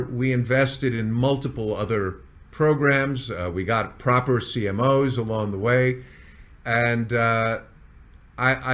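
Recounting how the company came to be, a founder and chief executive speaks in a measured way, as if talking to his employees. He has a mid-range voice with a slightly bright tone.

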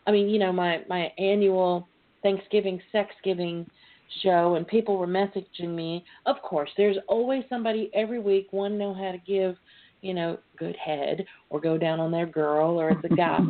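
A woman hosting a call-in talk show in a chatty, playful, informal way. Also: lowish voice. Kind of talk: casual chat. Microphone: phone line. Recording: tinny phone line with noise.

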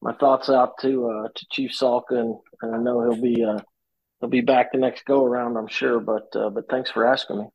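Male guest co-host, casual talk, flat intonation, mid pitch. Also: normal speed. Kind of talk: casual chat. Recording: slightly muffled podcast audio.

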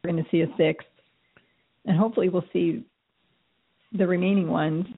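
A woman co-hosting a casual conversation while sick with a cold, agreeable and quick to back up her partner. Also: on the low side, fairly even intonation, slightly rough. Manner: agreeable, backchannels often. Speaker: co-host. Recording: tinny phone-like audio.

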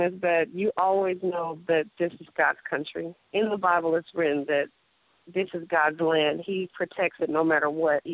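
A woman's voice: on the low side, dry recording. A young woman, a guest speaking earnestly and devoutly over the phone, often searching for words. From Fort Worth, Texas. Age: young adult. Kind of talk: phone interview. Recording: tinny phone line.

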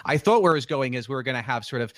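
A man's voice: medium pitch, lively intonation, racing, a bit bright, no room sound, studio quality. A man co-hosting a podcast, recapping in casual, enthusiastic, rambling chat. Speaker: podcast co-host.

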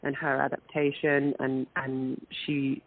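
A woman's voice: extremely low pitch, monotone, slow pace. A woman, an actress guest talking earnestly and reflectively in an interview. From England. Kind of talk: interview over a call. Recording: tinny phone-like line.

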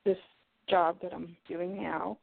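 A woman calling a radio show, her voice gravelly with fry and thinned by a tinny phone line. She speaks haltingly, pausing to find her words, and the line sounds dry and close. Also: lowish voice, fairly even intonation, dry recording. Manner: hesitant, searching for words. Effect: phone-line voice of a radio show caller. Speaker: caller. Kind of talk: casual phone chat.

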